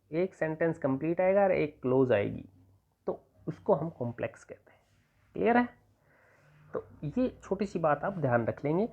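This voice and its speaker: Patient male tutor from Rajasthan, repeats everything, dictates slowly, phone-quality sound. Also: a little high. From Rajasthan, India. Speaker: teacher. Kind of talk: exam-prep grammar lesson.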